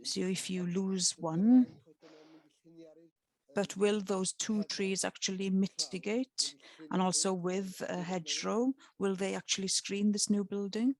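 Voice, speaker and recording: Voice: medium pitch, steady tone, a little slow. A simultaneous interpreter translating live in short chunks, keeping pace with the original speaker, heard over a video call.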